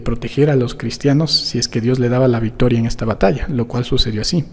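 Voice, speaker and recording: Gravelly-voiced man teaching a Bible lesson. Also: medium pitch, dark tone, big-room sound. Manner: explanatory, checks in with "¿sí?". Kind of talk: prophecy study lesson.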